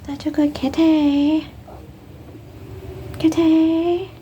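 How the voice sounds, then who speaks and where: A woman with a high, slow voice coos gentle baby talk to her cat at home, slipping often into soft whispers. The recording carries a steady noisy hiss behind her. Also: dull audio. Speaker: cat owner.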